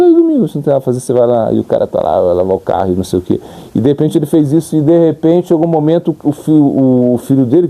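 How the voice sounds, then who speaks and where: Man, Brazilian accent, monk, casual sermon, lively swooping pitch, deep warm tone, acts out dialogue. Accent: Brazilian Portuguese. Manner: animated storyteller who acts out dialogue and sound effects. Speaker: monk giving a spiritual talk. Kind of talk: informal sermon with storytelling.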